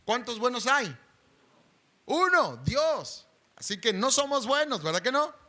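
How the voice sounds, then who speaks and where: A middle-aged male pastor, preaching an impassioned sermon that swings from loud pleading to hushed intensity. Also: extremely high pitch, big pitch swings, a little slow.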